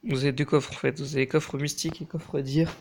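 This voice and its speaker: A young man talks through a mobile game in loose, profanity-laced commentary, nervous and rushing his words. His voice sits a little high and has a gravelly, fry-heavy edge. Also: level tone, darkish tone, a little hiss or hum. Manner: crude, nervous and fast-talking, swears a lot. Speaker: mobile gaming YouTuber. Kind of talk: casual gameplay commentary.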